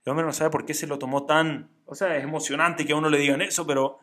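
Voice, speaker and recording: Animated male preacher telling a moral tale, emphatic, fairly high. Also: fast talker. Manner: animated, emphatic, swinging volume. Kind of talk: religious storytelling.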